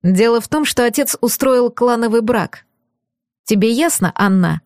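A woman's voice: fairly high pitch, expressive, normal speed, a little mellow, no room sound, clean studio sound. A woman reading an audiobook and voicing a stern, torn young aristocratic man with firm, clipped, bitter delivery. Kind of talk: audiobook character voice.

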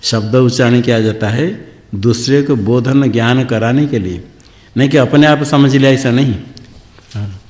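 A swami teaching scripture, chanting verses and then explaining them plainly, repeating points about clear pronunciation. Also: male voice, mid-range voice, unhurried, darkish tone, in a large hall.

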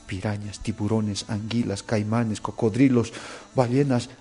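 A man voicing a dying old king who speaks slowly and commandingly. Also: fairly low pitch, steady tone, warm tone, faint music behind, natural voice.

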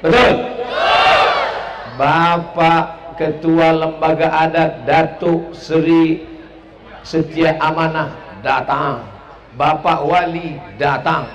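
A man's voice: a little high, fairly even intonation, slow, pauses often. Guy preaching at a big outdoor rally, jokey, keeps asking the crowd stuff, pa echo and lots of crowd noise. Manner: jokey call-and-response with the crowd. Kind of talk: humorous public sermon. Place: large open-air religious gathering. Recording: echoey PA sound with crowd noise.

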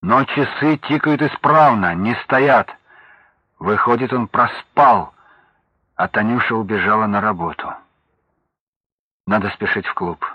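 A man narrating an audiobook in measured, scripted storytelling. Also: lowish voice, husky, no echo. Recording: dull lo-fi audiobook recording.

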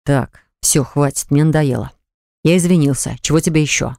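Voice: mid-range voice, a little fast, a little mellow, smooth, no room sound, studio quality, close to an everyday voice. A reader voicing a blunt, domineering young man who insists on getting his way with his fiancée in an audiobook.

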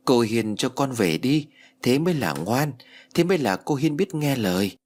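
A man's voice: mid-range voice, sing-song, normal speed, darkish tone. A man voicing a young village boy who scolds and coaxes his ghost aunt in an earnest way. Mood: urging. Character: young village boy, stern yet coaxing.

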